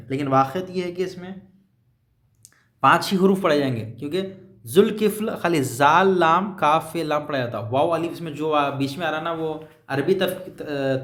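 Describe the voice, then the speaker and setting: हैदराबादी लहजे वाला उर्दू शिक्षक, गूंजते कमरे में. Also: male voice, a little high, a bit bright, reverberant. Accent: Hyderabadi. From Hyderabad, India. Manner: patient, explains with many fillers and pauses, drawn-out example words. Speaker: Urdu teacher. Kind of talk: explaining lesson.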